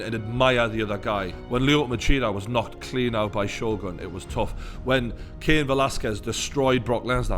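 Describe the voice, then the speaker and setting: A man with a Newcastle Geordie accent giving opinionated reaction commentary in a blunt, sweary way. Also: on the low side. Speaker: YouTube fight commentator.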